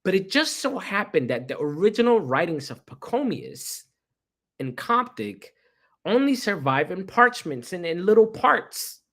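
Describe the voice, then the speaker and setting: Man, from Ethiopia, young adult, slightly high voice, casual history talk, chatty, rhetorical questions. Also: big pitch swings, unhurried, a bit bright. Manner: conversational, repeats himself, asks rhetorical questions. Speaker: history presenter.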